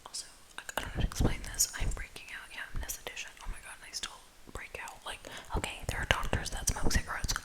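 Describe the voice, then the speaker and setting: A woman esthetician whispering casual ASMR chat, rambling with lots of filler words in a breathy unvoiced whisper. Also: fast, few pauses.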